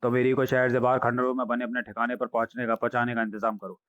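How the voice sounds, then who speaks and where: A man's voice: medium pitch, flat delivery, fast talker, a bit bright, highs cut off, natural voice. A man voicing a cruel, demonic male ghost villain who speaks in a menacing, commanding way.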